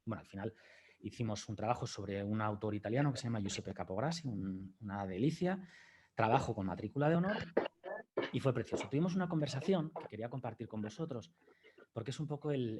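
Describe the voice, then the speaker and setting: Husky lecturer telling a story. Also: male voice, on the low side, fairly quick, a little mellow. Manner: reflective, acts out dialogue with a student. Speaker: university lecturer giving a talk.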